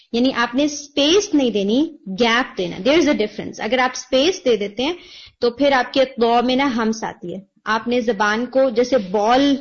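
A woman teaching Quran recitation online, patiently correcting a student and slowly modelling each word over a video call. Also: on the high side. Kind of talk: online tajweed lesson, giving feedback. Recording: dull lo-fi call audio.

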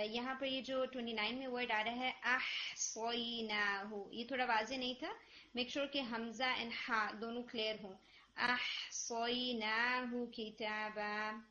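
A woman teaching Quran recitation online, gently correcting a student's pronunciation and modeling the sounds slowly. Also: a little high. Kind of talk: online tajweed feedback. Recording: lo-fi online call audio.

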